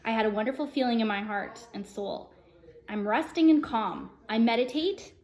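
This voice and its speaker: Her voice sits fairly high with a somewhat dark tone, and she talks at a normal speed. She's an earnest, talkative self-help vlogger speaking straight to viewers, sometimes reading her prepared script in an upbeat vlog.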